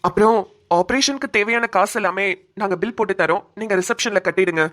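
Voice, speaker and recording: Woman doing a cartoon doctor, calm and gentle, explains slowly and reassures, mid pitch, plain voice. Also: natural voice. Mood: soothing. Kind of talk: cartoon voice acting.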